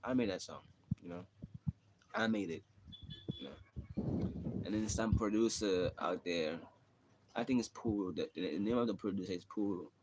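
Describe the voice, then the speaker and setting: A man's voice: on the low side, unhurried, pauses often. A young man from South Africa with a South African accent, chatting loosely on a livestream as a rapper, rambling with many fillers. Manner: rambling, laid-back, frequent "you know" fillers. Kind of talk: casual livestream chat. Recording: faint background noise.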